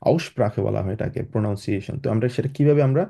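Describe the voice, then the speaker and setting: A young man whose first language is Bengali, teaching German on a video call. He talks hesitantly with many fillers and restarts, and spells out letters slowly. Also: on the low side, creaky, dark tone. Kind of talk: online class lecture. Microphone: computer mic on a video call.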